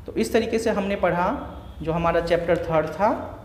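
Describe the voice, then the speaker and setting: A male school teacher with a high-pitched voice explains grammar, listing example words one by one at a slow, steady pace. He is recorded in a room with a strong echo and a long reverb tail. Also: slight background noise. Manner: slow, repeats examples one word at a time. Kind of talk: grammar lesson.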